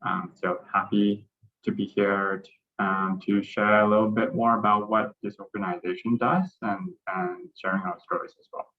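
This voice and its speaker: A man introducing himself on a video call. He speaks in a measured way with frequent um fillers. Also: lowish voice, level tone, slight background noise. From Malaysia. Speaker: panelist. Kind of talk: casual self-introduction. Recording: tinny phone-like call audio.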